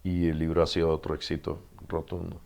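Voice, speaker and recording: A rumbling low voice with vocal fry and a brisk pace belongs to a middle-aged male author with a Panamanian Spanish accent. Telling stories in a casual interview, he acts out the dialogue animatedly and laughs often.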